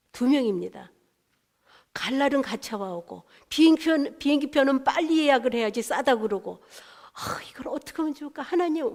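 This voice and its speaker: Woman, pastor, testimony sermon, fairly high pitch, chatty, questions the congregation, mixes in English words. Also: a little mellow.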